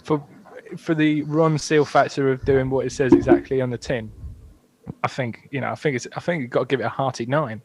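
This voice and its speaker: A man's voice: medium pitch, steady tone, a little fast, very noisy. A man co-hosting a podcast in casual comic chat, with matey, sweary banter. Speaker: podcast co-host.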